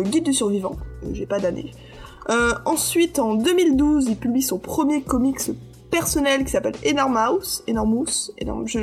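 A woman's voice: on the high side, a little mellow. A woman presenting her research on a podcast in a hesitant way, with many fillers and restarts. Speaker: podcast co-host presenting research on comic creators. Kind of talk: casual podcast chat.

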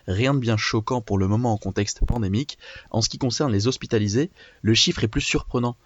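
A man reading international news items in a measured scripted way. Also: mid-range voice, dry recording. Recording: dull lo-fi dry recording.

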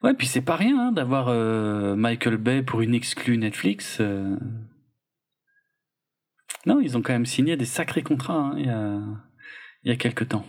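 A man's voice: mid-range voice, very animated, a little slow, pauses often. A man casually reviewing films with a co-host, rambling and laid-back, with plenty of hesitations. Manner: rambling, laid-back, lots of filler and hedging. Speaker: podcast co-host. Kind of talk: casual film review chat.

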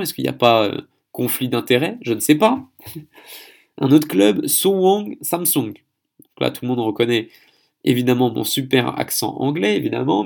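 A man's voice: mid-range voice, creaky, a little mellow. A man from France hosting a solo podcast, explaining at length and thinking aloud, often correcting himself mid-sentence. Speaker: podcast host.

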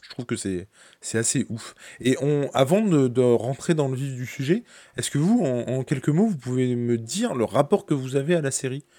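A man's voice: mid-range voice, animated, normal speed, warm tone, dry recording. A man hosting a casual podcast, giving playful, grandiose introductions and often restarting his sentences. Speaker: podcast host.

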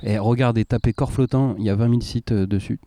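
A man's voice: medium pitch, steady tone, fast, mellow. A man from co-hosting a podcast, chatting casually, self-mocking and laughing, swearing offhandedly. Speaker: podcast co-host. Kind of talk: casual chat.

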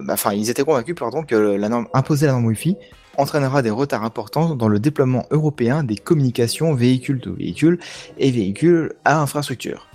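A man's voice: mid-range voice, darkish tone. A man hosting a casual tech podcast chat, explaining news in a hesitant way with many restarts and fillers. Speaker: podcast host.

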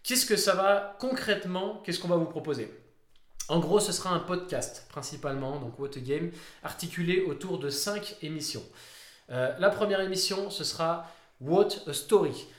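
A man's voice: fairly high pitch, roomy sound. A man co-hosting a football podcast in casual, joking banter. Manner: laughs often, joking banter. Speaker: podcast co-host. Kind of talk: casual chat.

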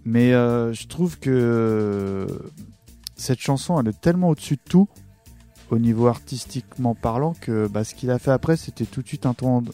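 A man in easy, chatty conversation with a co-host, teasing and quick to laugh. His voice sits at a middling pitch with a dark, mellow tone. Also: animated, faint music behind. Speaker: podcast co-host. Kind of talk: casual chat about records. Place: recorded together in person.

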